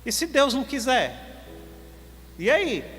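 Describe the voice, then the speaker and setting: A male pastor preaching emphatically, calling out straight to his congregation. His voice is high and bright, with a forceful edge. It carries a long reverb tail through the church hall, with faint music underneath. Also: big pitch swings, takes it slowly. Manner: emphatic, addresses the congregation directly. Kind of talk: sermon.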